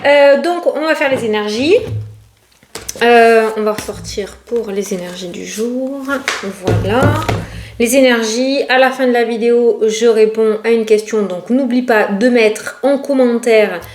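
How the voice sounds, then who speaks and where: A woman's voice: fairly high pitch, a little slow, a little mellow, soft background music. Chatty woman in an echoey room. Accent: regional French. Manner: chatty, laughs often, rambling. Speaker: tarot card reader. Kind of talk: casual tarot reading vlog.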